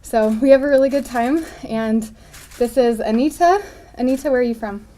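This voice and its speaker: High-voiced lady teacher talking at a press conference, upbeat, says um a lot. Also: normal speed, warm tone. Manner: cheerful, with fillers. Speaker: high school ESL teacher. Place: city hall news conference room.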